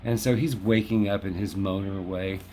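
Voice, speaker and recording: A man's voice: low voice, fairly even intonation, normal speed, dark tone, a little hiss or hum. A man in his fifties hosting a casual home video, talking in a chatty, wry, self-deprecating way. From Los Angeles. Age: 50s. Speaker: host. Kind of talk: casual monologue to camera. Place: home in West Hollywood.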